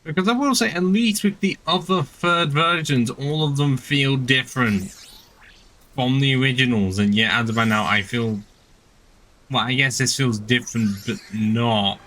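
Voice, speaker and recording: A man with a mid-range, fairly bright voice streams a video game at a moderate pace, giving casual commentary and reading dialogue aloud. He sounds exasperated, sardonic and nitpicky. The recording is rough, with slight background noise.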